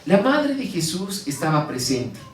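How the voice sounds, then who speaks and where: A man's voice: sits high, sing-song, measured pace, slight background noise. A man preaching a sermon, reading scripture and asking the congregation rhetorical questions. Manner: reads scripture aloud with emphasis. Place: church. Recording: roomy sound from a distance.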